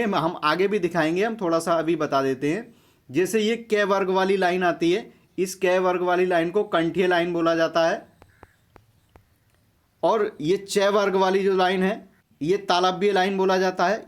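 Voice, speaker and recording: A man teaching a grammar lesson for exam preparation, explaining step by step and often turning to his viewers as friends. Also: sits high.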